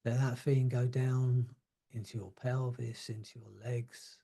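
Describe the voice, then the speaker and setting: A man leading a guided hypnosis relaxation, speaking slowly and soothingly and letting his words trail off softly. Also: medium pitch, level tone, creaky, husky. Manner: slow, soothing, drawn-out phrasing with soft trailing words.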